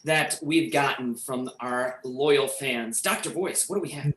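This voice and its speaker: A man announcing the games of an online improv match in an upbeat way. His voice has a bright, forward edge. The room around him sounds echoey. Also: medium pitch, a little slow. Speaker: referee and host of the improv match. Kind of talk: live-streamed game hosting.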